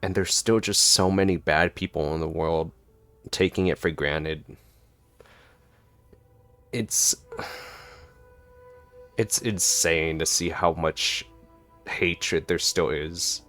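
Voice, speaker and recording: A man's voice: low voice, steady tone, slow, pauses often, fairly bright tone, faint music behind. A man giving casual, rambling and jokey reaction commentary over a video game. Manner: rambling, filler-heavy, jokey. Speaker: gaming streamer.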